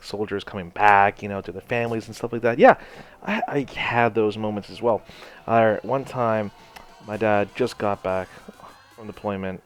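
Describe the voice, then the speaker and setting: A young gaming channel host from Hawaii, United States, casually tells a personal story over gameplay. His medium-pitched voice rambles with lots of "you know" and "like" plus some swearing, and the recording is dry.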